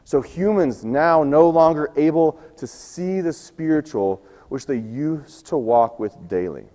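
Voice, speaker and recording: A man preaching a sermon, telling a scripture story and acting out its quoted lines, his voice going hoarse. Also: a little high, animated, measured pace, mellow, in a large hall. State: losing his voice. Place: church sanctuary.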